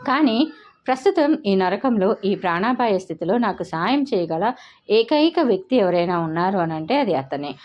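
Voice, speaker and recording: A woman's voice: medium pitch, very animated, normal speed. A woman telling a first-person novel story as the channel's storyteller, in a dramatic, emotional way. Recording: slightly dull lo-fi audio.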